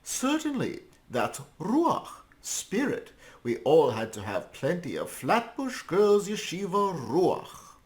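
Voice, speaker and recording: A woman playing a confident, spirited young student in a scripted lesson who answers briskly. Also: fairly low pitch, wildly swooping pitch, darkish tone, heavily acted.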